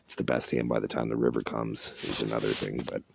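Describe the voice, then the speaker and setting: An online poker player and streamer talks quickly and casually as he plays, wandering from thought to thought and frequently starting over or repeating himself. His extremely low, creaky voice stays level in tone. The audio has loud background noise and clicking.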